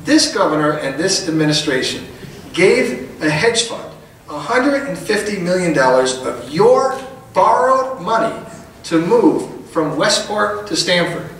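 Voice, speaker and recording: Middle-aged guy at a podium firing up a rally, bright voice, faint room hum, big echoey function hall. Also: high voice, big pitch swings, measured pace, distant mic. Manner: folksy, rousing, rising to emphatic peaks. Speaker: politician. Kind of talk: campaign rally speech. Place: large indoor function hall. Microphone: podium mic, recorded by a far camera.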